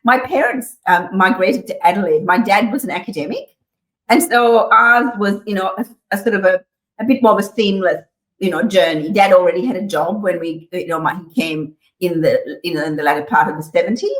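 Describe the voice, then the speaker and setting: Speaking a little fast in a lowish voice, a Sri Lankan community organisation CEO in middle age talks as a video-call guest from her office. Her manner is warm and talkative, full of laughter and "um"s, and the room sounds echoey.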